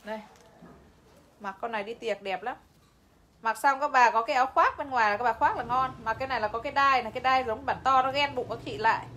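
A woman's voice: fairly high pitch, fast talker, fairly bright tone, lo-fi sound, a little hiss or hum. A woman selling clothes on a livestream, chatty and talking straight to her viewers. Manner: chatty, addresses viewers directly, laughs often. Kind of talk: live sales pitch.

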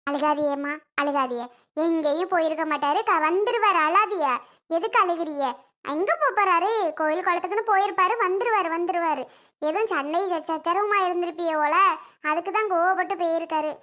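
A high-voiced performer playing a visiting mother-in-law who consoles and meddles in a family skit. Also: brisk, sharp tone. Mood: consoling.

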